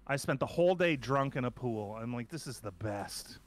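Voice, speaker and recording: In a casual live-stream podcast chat from a home art studio, a Canadian man in his forties co-hosts with a medium-pitched, expressive voice. He jokes around playfully and trades quick banter.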